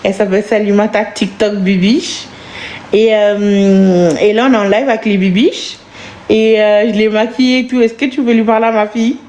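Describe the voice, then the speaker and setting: A woman live streaming in casual chat, cooing doting baby talk and breaking into wailing, sob-like high notes. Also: fairly even intonation, moderate pace, darkish tone, reverberant.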